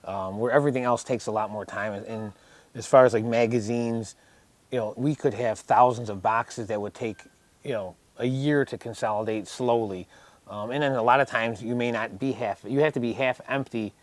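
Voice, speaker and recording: A man's voice: mid-range voice, steady tone, normal speed, no room sound. A man in his forties chatting casually as he gives a tour, explaining practical details in a matter-of-fact way. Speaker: warehouse business owner giving a tour. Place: indoors, large warehouse storage aisle.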